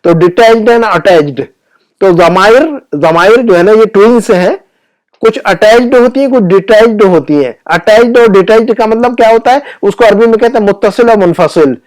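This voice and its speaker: A middle-aged male teacher with a fairly high voice gives a classroom grammar lesson. He explains patiently and repeats key terms. He keeps asking quick check-in questions and reads word lists out slowly, one by one. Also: darkish tone. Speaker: Arabic teacher.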